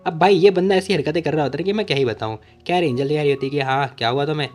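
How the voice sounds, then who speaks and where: A man casually recapping a comic story, chatty and jokey, with quick asides to listeners and voices for each character. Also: a little high, darkish tone. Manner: chatty, jokey, keeps calling listeners brother. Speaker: manhua recap narrator.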